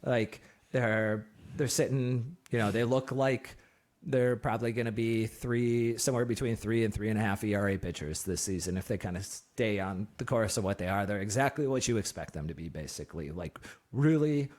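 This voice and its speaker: A man's voice: fairly low pitch, normal speed, a little mellow. A man hosting a casual sports podcast, rambling with lots of fillers and frequent laughter. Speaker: podcast host. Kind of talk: casual chat.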